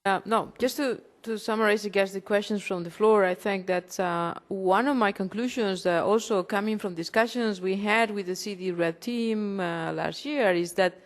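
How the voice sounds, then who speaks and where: A woman's voice: mid-range voice, normal speed, few pauses. A woman facilitating a conference panel, summing up in a hesitant way with many fillers and restarts. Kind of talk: closing summary at a conference panel.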